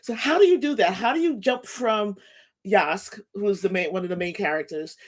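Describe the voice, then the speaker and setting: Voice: medium pitch, normal speed. An interview host asking questions in casual chat, enthusiastic and laughing often.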